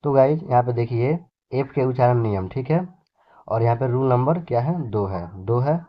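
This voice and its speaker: A man teaches a lesson at an unhurried pace, repeating key words and checking in with his listeners as he goes. His voice sits at a middle pitch. The recording sounds a little dull and lo-fi. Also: animated. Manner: explains slowly, repeating words and adding a check at the end of lines. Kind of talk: classroom-style lesson.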